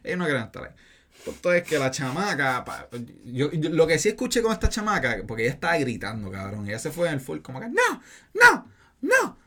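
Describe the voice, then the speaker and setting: A man's voice: on the high side, very animated, quick pace, a bit bright. A young man, casually telling a story on a podcast in a slangy, rambling way full of fillers. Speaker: podcast co-host.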